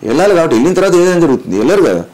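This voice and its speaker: A man's voice: a little high, sing-song, very fast, a little mellow. A middle-aged man, a mimicry artist answering in an interview, emphatic and lecturing, asking and answering his own questions. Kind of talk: interview, explaining.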